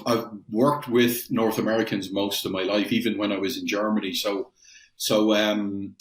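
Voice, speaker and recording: Speaking from his roomy home in Ireland, a middle-aged Dubliner who founded a metals company chats through interview questions as a guest, often using fillers and restarting sentences. His voice is fairly low, and the sound is reverberant.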